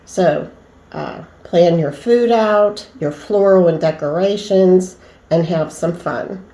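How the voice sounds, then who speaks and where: A woman's voice: lowish voice, slow pace, mellow, reverberant, poor audio. A middle-aged woman vlogger chatting at home in a folksy, homey way about entertaining. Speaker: lifestyle vlogger. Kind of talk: casual home chat.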